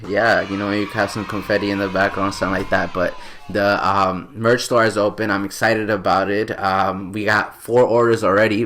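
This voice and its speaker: A New York man in his late twenties hosts a podcast, rambling casually and earnestly with plenty of fillers. His voice is fairly low and a bit bright.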